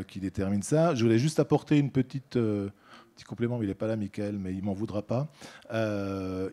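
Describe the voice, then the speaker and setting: Middle-aged male speaker, warm low-key tone, conference talk full of hesitations. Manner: hesitant, many fillers and restarts, addresses audience and colleagues. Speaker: director of an addiction care organisation, conference speaker.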